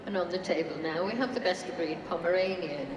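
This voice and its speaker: A lower-voiced woman announces winners slowly and deliberately over a hall system. She sounds far from the mic, with long, booming reverb and steady noise behind her. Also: dull audio. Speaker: ring announcer. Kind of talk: public announcement.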